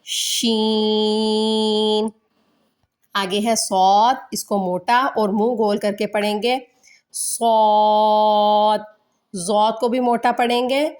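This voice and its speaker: A woman teaching children the alphabet for Quran reading, stretching each letter sound slowly between short explanations. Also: medium pitch, fairly even intonation.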